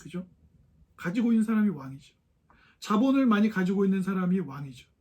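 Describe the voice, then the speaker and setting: A man's voice: high voice, expressive, fairly quick, a little mellow. A male pastor preaching a Sunday sermon, talking to the congregation in a conversational way and firing off rhetorical questions. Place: church sanctuary.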